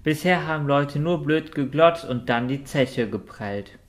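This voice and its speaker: A man's voice: fairly high pitch, lively intonation, unhurried. A man voicing a grumbling, tired island gnome in a storybook reading.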